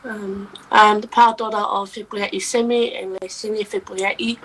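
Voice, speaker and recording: Earnest young New woman, flat delivery. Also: medium pitch, low-quality recording. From New Zealand. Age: young adult. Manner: earnest and steady, with frequent "um" pauses. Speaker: guest, poet and youth advocate. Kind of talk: radio interview answers.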